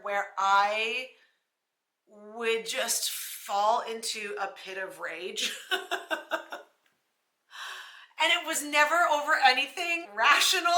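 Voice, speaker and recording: A woman's voice: fairly high pitch, bright, forceful tone, reverberant. A young pregnant woman from Canada, chatting casually to camera with a self-deprecating, laughing manner. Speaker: vlogger.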